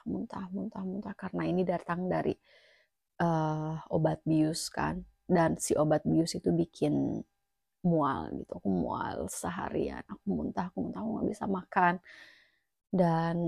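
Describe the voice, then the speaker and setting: A woman's voice: fairly low pitch, vocal fry, dark tone, husky, no echo, studio quality. A young woman casually recounting her own story as a vlogger, chatty and full of fillers, sometimes dropping to a near whisper.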